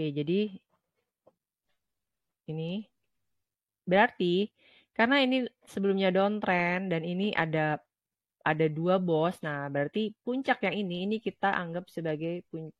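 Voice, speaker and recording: A trading instructor with a cold walks through charts in a casual way, her low-leaning voice stuffy and nasal. It's recorded close and dry, with a dull, lo-fi sound.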